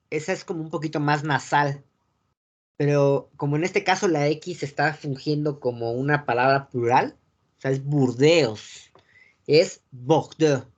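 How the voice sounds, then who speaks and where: A man with a Mexican accent teaching a class, often checking that students follow and filling pauses with "este". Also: on the high side, lo-fi sound. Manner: keeps checking the class follows, asking "sale?"; frequent filler "este" and restarts. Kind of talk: classroom lecture. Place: classroom with a board.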